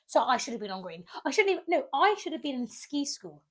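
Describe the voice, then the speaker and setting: A woman's voice: high-pitched, big pitch swings, fast, slightly rough. A young woman, co-hosting a podcast and telling a story with lots of acted-out quotes. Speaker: podcast co-host. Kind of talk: casual chat.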